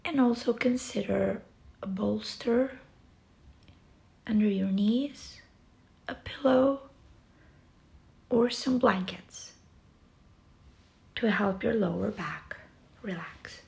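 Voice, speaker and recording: With long pauses separating each phrase, a woman guides a slow yoga nidra meditation. She speaks soothingly in a soft, breathy, mid-range voice threaded with heavy vocal fry.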